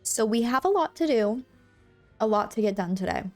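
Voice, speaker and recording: With faint music in the background, a young home streamer chats with her viewers in a somewhat high, expressive, slightly mellow voice at a moderate pace. She's bubbly, a bit congested, and constantly says "like" and "um".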